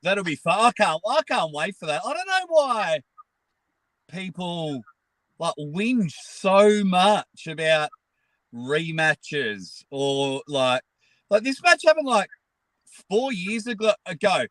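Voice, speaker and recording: On this casual live stream, the guest, an arm wrestling personality from Australia, sits in a car and talks slowly in a high voice that swings widely in pitch and sounds a bit bright. He comes across nasal, blunt, sweary and playful. The audio has no echo but is rough.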